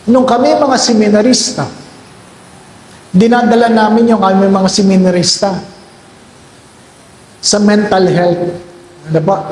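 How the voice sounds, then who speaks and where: Priest, middle-aged man, Filipino accent, fairly high voice, storytelling sermon; echoey hall, faint ambience. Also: slight background noise. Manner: storytelling, repeating key lines slowly.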